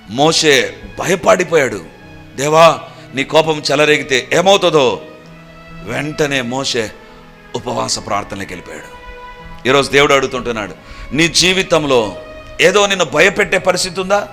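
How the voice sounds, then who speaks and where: A man preaching a sermon with fervour, dropping to a hush and then rising into raised, urgent passages, with English phrases slipped in. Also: fairly high pitch, expressive, normal speed, long pauses, faint music behind. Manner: fervent, swings between hushed and raised voice, mixes English phrases.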